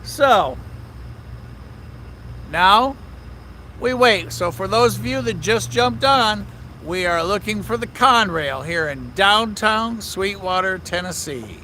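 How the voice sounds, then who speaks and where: A man's voice: high-pitched, animated, slow pace, pushed and bright, a little hiss or hum. A man hosting a live stream from trackside outdoors at night, chatting upbeat and straight to his viewers. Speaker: railfan livestream host. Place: outdoors trackside in a small town downtown at night.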